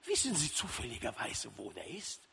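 Man putting on a sly sexton playing deaf, low hushed voice, gravelly, echoing hall. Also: wildly swooping pitch, moderate pace, full character voice. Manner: low, hushed, feigning not to hear. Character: sly middle-aged male church sexton, playing deaf. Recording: reverberant hall.

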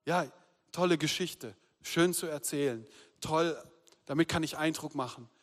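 A man delivers a personal sermon from the pulpit, his somewhat high voice swinging between quiet, hushed confession and louder, urgent questions. The sound carries a long reverb tail, as in a large church hall. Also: a little slow. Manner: earnest, shifts between loud appeals and soft hushed confession. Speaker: pastor.

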